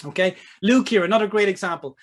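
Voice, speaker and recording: High-voiced man pitching his coaching webinar. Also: quick pace. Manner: energetic, salesy, keeps checking in with "right?" and "okay?". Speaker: business coach hosting a webinar. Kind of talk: live webinar sales pitch.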